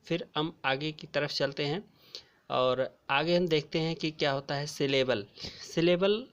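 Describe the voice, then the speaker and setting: Slow, patient male grammar teacher. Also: on the high side. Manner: slow, repeats key terms and calls viewers friends. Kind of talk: classroom lecture explaining grammar. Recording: dull lo-fi recording.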